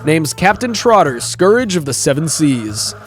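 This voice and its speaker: A man's voice: sing-song, unhurried, faint music behind. A man doing a hearty, jolly pirate captain. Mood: jovial. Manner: hearty pirate dialect, booming.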